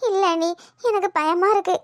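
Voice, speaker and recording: A woman's voice: extremely high pitch, fairly even intonation, brisk, no echo, clean studio sound. A woman with a Tirunelveli Tamil accent voicing a tearful, frightened young unmarried woman in love in a cartoon, pleading as she talks. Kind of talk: cartoon voice acting.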